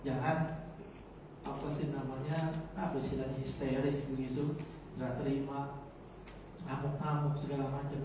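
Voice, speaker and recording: In a large, echoey mosque hall, a religious teacher with a Betawi accent delivers a joking, informal morning sermon, explaining Arabic phrases. His voice sits fairly high, and the mic picks him up from afar along with background noise.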